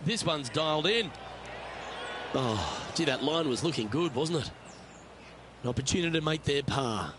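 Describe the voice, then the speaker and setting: A man's voice: a little high, animated, moderate pace, long pauses, background noise, lightly acted. A man playing a golf commentator, calling the play shot by shot in a tournament. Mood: measured commentary. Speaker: golf commentator, lead announcer.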